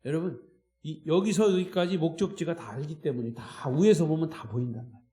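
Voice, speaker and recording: A man's voice: on the high side, a little fast, warm tone, roomy sound. A man preaching a sermon as pastor, emphatic, with repetition and rhetorical questions. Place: church sanctuary.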